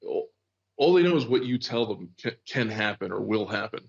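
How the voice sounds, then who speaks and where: A man's voice: lowish voice, animated, a little fast, gravelly, lo-fi sound. A man co-hosting a medical podcast, talking in a rambling, casual way with lots of fillers and swearing. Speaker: podcast host, paramedic.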